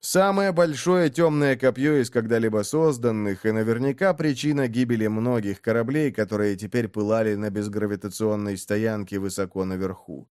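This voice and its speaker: A male narrator reads a fantasy war audiobook in a steady, measured voice at a mid pitch. The recording is dry and close, with no room sound. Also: no echo. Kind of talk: scripted narration.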